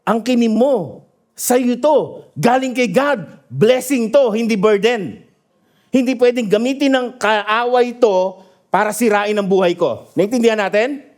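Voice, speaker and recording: High-voiced lively man preaching. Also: measured pace. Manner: lively storyteller who laughs at his own stories; asks the congregation for agreement. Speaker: pastor. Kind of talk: sermon mixing Tagalog and English. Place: church.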